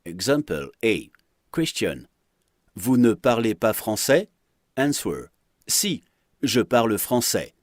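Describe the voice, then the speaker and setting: A man's voice: on the low side, very animated, slow pace, long pauses, no echo, studio quality. A man narrating a French lesson, reading example phrases aloud with careful pronunciation. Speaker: French teacher. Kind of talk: slow scripted lesson narration.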